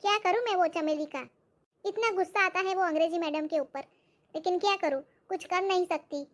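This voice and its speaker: A woman's voice: very high voice, fairly quick. A woman performing a comic skit, muttering exasperated, grumbling asides.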